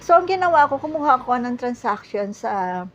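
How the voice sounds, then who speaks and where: Middle-aged woman from the philippines telling a story on her vlog, lively, keeps laughing, lots of restarts. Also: high-pitched, highs cut off. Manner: animated, laughs often between lines; halting, many fillers and restarts. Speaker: vlogger. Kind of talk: casual storytelling.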